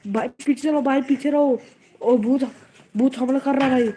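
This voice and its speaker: A woman narrating casually and excitedly, repeating urgent warnings over and over. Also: high voice, normal speed, a little hiss or hum. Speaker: vlogger narrating. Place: outdoor home courtyard at night.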